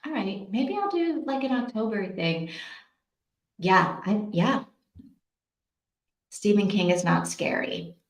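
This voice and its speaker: A woman with a medium-pitched voice speaks at a slow pace and pauses often while hosting a casual live reading-sprint stream. She chats informally, reading out and answering viewers' comments, in a room with echoing sound.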